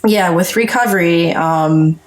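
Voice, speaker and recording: A podcast guest from North Dakota recounts her recovery in a frank, earnest, casual chat peppered with salty language. Her voice is on the low side and a little slow, and the recording is of poor quality.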